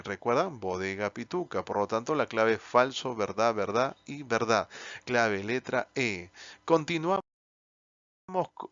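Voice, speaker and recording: A man with a Peruvian Spanish accent teaches a lesson on an exam answer key, often posing rhetorical questions to himself. His mid-range voice is a bit bright, and the dry recording sounds dull and slightly lo-fi.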